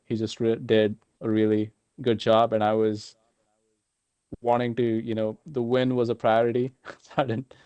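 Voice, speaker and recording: A man talking casually after winning a sim race, halting with many fillers and restarts. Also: mid-range voice, completely flat delivery, a little mellow, clean tone, no room sound, lo-fi sound. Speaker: sim racing driver, race winner. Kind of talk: casual post-race interview.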